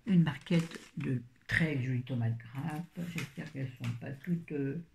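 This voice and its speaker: A woman's voice: sits low, a little slow, gravelly, noisy background. A woman in her fifties chatting casually through a grocery haul, rambling with self-mocking asides. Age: 50s. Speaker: vlogger.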